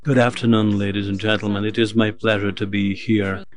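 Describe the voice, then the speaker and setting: Man, live interpreter voice, lowish pitch, formal, measured, first person. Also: level tone. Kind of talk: interpreting a testimony into English.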